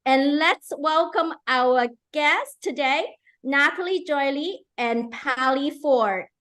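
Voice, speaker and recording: A woman's voice: sits high, takes it slowly, fairly bright tone. A middle-aged woman from Hong Kong hosting an online interview, eager and enthusiastic, often checking in with "right?" and "okay". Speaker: host.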